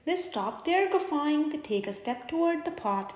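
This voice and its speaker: A woman reading a bedtime story aloud in an animated, dramatic way. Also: high-pitched, moderate pace. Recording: echoey room.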